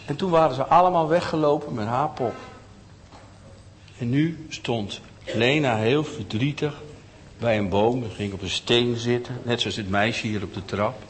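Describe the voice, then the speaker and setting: A middle-aged man telling a story to children in an animated way, often asking them questions. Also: medium pitch, measured pace, big-room sound, a little hiss or hum. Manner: animated, asks listeners questions.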